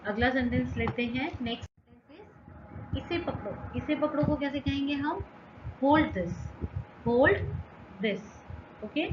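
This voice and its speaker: A woman English teacher speaks very deliberately, repeating each short phrase and answering her own questions. Her voice sits a bit high. The recording is dull and roomy, with a steady hum of noise behind her. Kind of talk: slow, repetitive spoken-English lesson.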